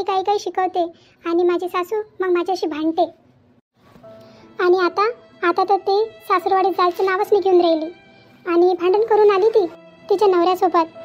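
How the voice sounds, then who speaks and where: A troubled young cartoon daughter, voiced by a woman, very high-pitched and pleading, stumbling over her words. The sound is dull and lo-fi, with faint music behind. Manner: hesitant, pleading, halting restarts. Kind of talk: Marathi cartoon voice acting.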